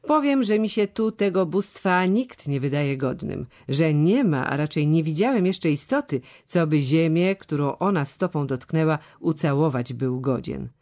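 Narrator doing a young man, modest, earnest, lively pitch, audiobook. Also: normal speed, few pauses. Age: young adult. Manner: modest, then fervent.

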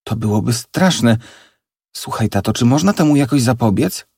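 A man's voice: medium pitch, lively intonation, normal speed, creaky, a little mellow, husky, no room sound, clean studio sound. A man voicing a worried young woman, a daughter pleading and asking questions, in an audiobook reading. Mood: anxious.

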